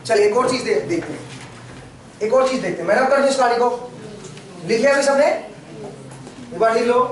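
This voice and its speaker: A man's voice: extremely high pitch, moderate pace. A man teaching an engineering class, firing questions at his students and answering them himself. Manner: questioning, prompts students constantly. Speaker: engineering lecturer. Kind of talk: classroom lecture. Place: large echoey classroom. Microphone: camera far from the speaker. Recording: echoey classroom from far off.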